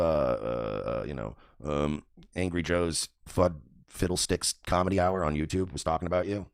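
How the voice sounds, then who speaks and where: A man's voice: low-pitched, vocal fry, dry recording, clean studio sound. A man hosting a radio show, ranting in a profane, mocking, repetitive way. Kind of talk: ranting commentary.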